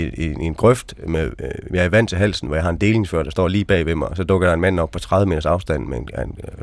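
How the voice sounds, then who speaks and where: Deep-voiced man telling war stories. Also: no room sound, studio quality. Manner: frank, conversational, tags sentences with questioning asides. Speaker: interview guest, army veteran. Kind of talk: casual storytelling.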